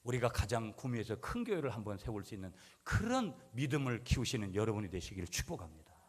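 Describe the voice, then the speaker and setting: A male pastor preaching a sermon, swinging between loud declarations and quiet asides and calling for responses from the congregation. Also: fairly low pitch, very animated, quick pace, breathy edge.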